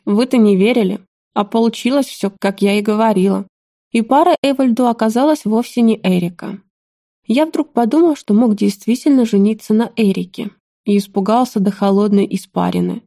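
A woman reading a fantasy novel aloud in an even, measured audiobook narration. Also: mid-range voice, gravelly, no echo, studio quality. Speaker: audiobook reader.

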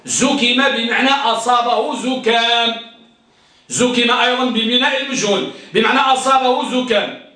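A man's voice: very high voice, normal speed, pushed and bright. A man teaching an Arabic grammar lesson, explaining words, repeating them and asking the class questions. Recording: echoey room, voice from far off.

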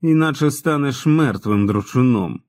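A man voicing a reckless, crude young male punk who swears, shouts and turns quietly menacing. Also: medium pitch, lively intonation, measured pace, dry recording, close to an everyday voice. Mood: quiet menace.

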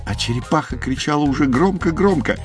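A man narrating a children's story in an expressive, measured way. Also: a little high. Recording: music behind.

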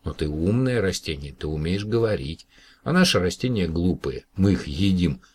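A man reading aloud and voicing a lively, exclaiming young woman in a children's story. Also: sits low, moderate pace, breathy edge. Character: young woman computer operator, emotional.

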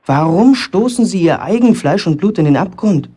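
Playing the same rebellious bricklayer's apprentice, the actor mocks like a self-important prosecutor, asking rhetorical questions in a sarcastic, accusing mood. His high male voice is warm and husky, animated, at normal speed.

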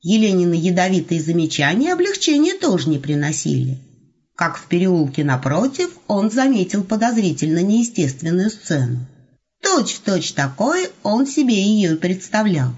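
A woman narrating a humorous fantasy audiobook with expressive, ironic delivery. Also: medium pitch, husky, highs cut off. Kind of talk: scripted narration.

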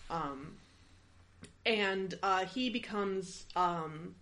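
A woman tells a history story in a relaxed podcast chat. She wanders with fillers and restarts and breaks into laughs often, in a voice of average pitch. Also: drawn-out words. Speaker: podcast host telling history.

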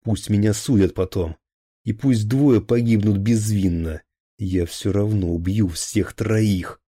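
A furious police captain in an audiobook thriller bellows his threats slowly and loudly, his voice pushed higher and harsher than usual, as a male narrator puts him on. The tone stays dark and husky, recorded close and dry. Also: no echo. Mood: roaring threats. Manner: roaring, slow and threatening. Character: enraged male police captain, grieving and violent.

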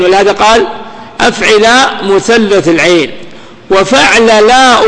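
High-voiced teacher in a reverberant hall. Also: male voice, a bit bright. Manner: asks the class rhetorical questions and repeats key words slowly. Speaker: grammar teacher. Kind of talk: classroom lesson explaining classical grammar verse. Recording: reverberant hall with long echo.

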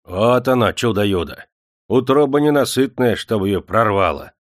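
A man voicing a talkative, scrawny little peasant factory hand who speaks excitedly in a storybook reading. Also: fairly low pitch, moderate pace, no echo, clean studio sound, close to an everyday voice.

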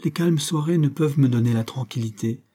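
Guy doing a shy sad young woman, slow, wistful, mellow tone. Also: mid-range voice, slightly rough, close to an everyday voice. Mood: melancholy. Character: timid melancholy young woman.

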